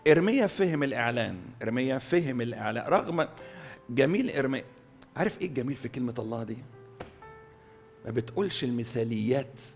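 A male pastor with an Egyptian Arabic accent preaching a sermon, pushing key words loud, letting line endings fall soft, and repeating phrases for stress. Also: mid-range voice. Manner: emphatic, swings between loud stresses and soft drawn-out endings. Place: church hall.

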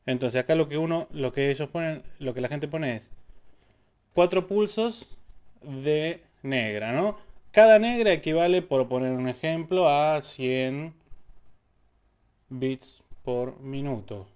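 Guy giving a casual music theory class, clear smooth voice, kinda high, sings ta ta ta to show rhythms. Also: slow pace, darkish tone. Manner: explains step by step, sings syllables to demonstrate rhythms. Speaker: music teacher.

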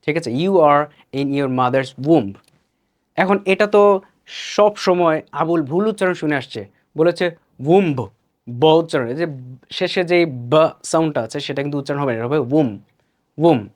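A man with a Bangladeshi accent teaching English pronunciation, explaining each word and repeating it slowly. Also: fairly high pitch. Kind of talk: explanatory lesson.

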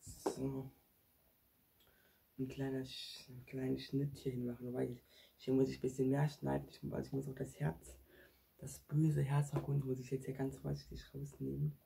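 A man hosting a staged real-life prank vlog, excitable and talking straight to his viewers. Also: mid-range voice, moderate pace, creaky, slight background noise. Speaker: vlog host.

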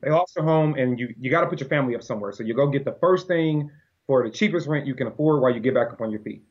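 A male podcast guest and gun-rights advocate argues heatedly in a casual podcast conversation, animated and often acting out quoted voices. His husky, medium-pitched voice comes rapid-fire, and the recording is dull and lo-fi.

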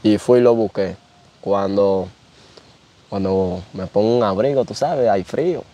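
A man's voice: lowish voice, a little slow, mellow, a little hiss or hum. A young man, telling a story in a casual interview and often repeating "dice ella, di que" as he recounts who said what. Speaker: interview guest.

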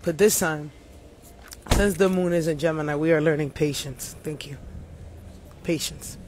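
A man's voice: fairly high pitch, steady tone, a little slow, a little mellow, slight background noise. A man hosting a casual livestream as an astrologer, joking around and putting on a mock announcer voice, talking into his phone.

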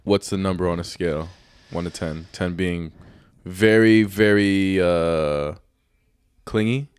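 A man co-hosts a casual podcast with a low voice, recorded close and dry. He jokes in slang and fires off quick reactions and questions. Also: clean tone, no echo. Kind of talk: casual chat.

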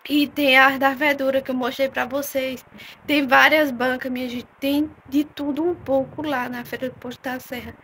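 Chatty woman vlogging, high voice. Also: little pitch movement, moderate pace, pushed and bright, husky. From Northeast Brazil. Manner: chatty, calls viewers "minha gente". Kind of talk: casual vlog chat. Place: open-air market outdoors, then a room by a block wall. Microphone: phone camera held at arm's length.

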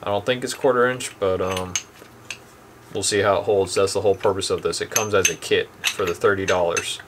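A young channel host shows off two boat anchors in a dim room at home, relaxed and plain-spoken with many ums. His voice sits low and his delivery is brisk, with background noise throughout.

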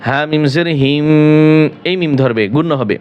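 A man with a Bangladeshi Bengali accent teaching Quran recitation, spelling the verses out letter by letter and chanting them slowly. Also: on the high side, highs cut off. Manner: slow drawn-out chanting of verses between quick spelling drills.

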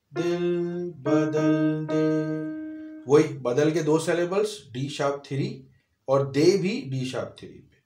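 A man's voice: on the high side, echoey room. A man giving a piano and vocal lesson, explaining notes step by step and singing short phrases between his explanations. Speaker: music teacher. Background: piano playing.

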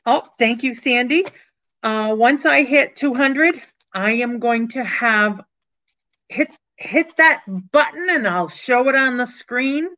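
An older woman in her sixties talks slowly and comfortably, hosting a live-stream auction from a small room at home. Her voice sits a little high, and she chats with viewers by name. The audio comes through a webcam and sounds a bit dull and lo-fi. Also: bright, forceful tone. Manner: slow, unhurried, chatty, thanking viewers by name. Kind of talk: casual live-stream chat. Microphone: webcam on a computer, video call.

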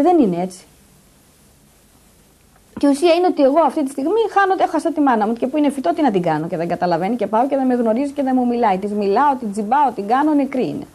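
A woman's voice: sits high, animated, warm tone. A distressed middle-aged woman giving agitated, insistent testimony in a news interview, repeating her points. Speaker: interviewee, patient's daughter.

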